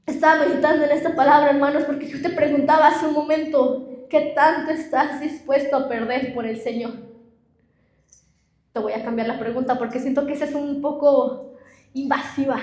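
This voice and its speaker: A woman's voice: sits high, darkish tone, roomy sound. A young woman preaching a sermon and telling personal stories, often addressing the congregation. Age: young adult. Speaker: pastor. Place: church.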